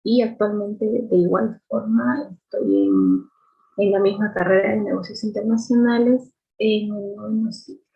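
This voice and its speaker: A woman's voice: mid-range voice, expressive, unhurried, vocal fry. A 25-year-old woman formally introducing herself in class. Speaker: student. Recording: dull lo-fi audio.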